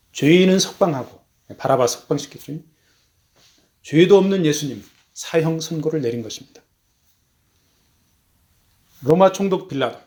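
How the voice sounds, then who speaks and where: A man preaching a sermon as a missionary, emphatic, his voice rising on key words and then falling low, slowing down for stress. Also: a little mellow. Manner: measured, slows down for stress.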